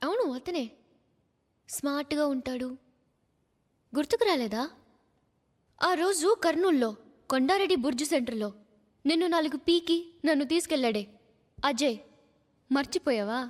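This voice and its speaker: A woman's voice: high voice, animated, moderate pace, pauses often. An actress playing a defiant young woman held captive, speaking firmly and cuttingly. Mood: scornful. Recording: film soundtrack, reverberant, faint music.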